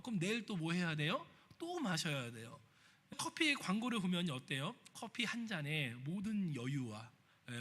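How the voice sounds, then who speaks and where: Animated high-voiced male pastor preaching. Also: big-room sound. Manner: lively preaching, acting out quoted voices and asking the congregation questions. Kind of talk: sermon. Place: church sanctuary.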